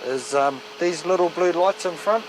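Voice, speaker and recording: Blunt high-voiced Kiwi policeman outdoors. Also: moderate pace. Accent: broad New Zealand. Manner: blunt, firm, colloquial. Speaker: police officer. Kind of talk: on-the-job talk with members of the public. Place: outdoors on a residential street. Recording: noisy outdoor location sound with traffic.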